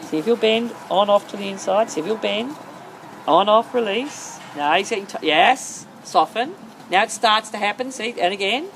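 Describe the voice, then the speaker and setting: A woman's voice: mid-range voice, animated, normal speed, vocal fry. A woman working as a horse-riding instructor, calling out short, insistent, repeated coaching commands in an outdoor arena. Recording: outdoor noise over camera microphone. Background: outdoor ambient noise.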